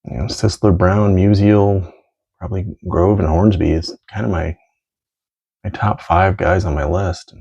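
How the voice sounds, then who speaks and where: A middle-aged American vintage sports card collector shows off his items in a casual, unscripted show-and-tell, rambling and thinking out loud on a lo-fi home recording. He speaks at a measured pace with fairly even intonation, in a low, creaky, darkish and slightly rough voice.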